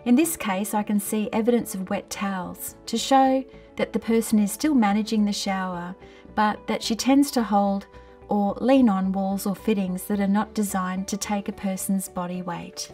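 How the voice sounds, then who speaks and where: A middle-aged woman occupational therapist speaks at a medium pitch in a calm, measured way. Her narration is scripted and clear, made for a training video. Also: recorded from a distance, faint music behind. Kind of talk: scripted training narration and gentle client questioning. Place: small tiled bathroom in a home.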